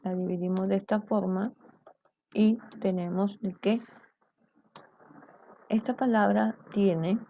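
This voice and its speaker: Gravelly-voiced woman teaching a lesson. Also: mid-range voice, steady tone, takes it slowly, pauses often. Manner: explanatory, checks in with "¿cierto?" and "¿bien?". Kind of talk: online grammar lesson. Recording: dull lo-fi sound.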